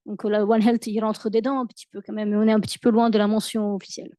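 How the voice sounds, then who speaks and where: A woman speaking French as a non-native with a foreign accent, answering at a conference in a halting way, searching for words. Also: medium pitch, level tone, dark tone, dry recording, studio quality. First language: not French. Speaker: academic panellist.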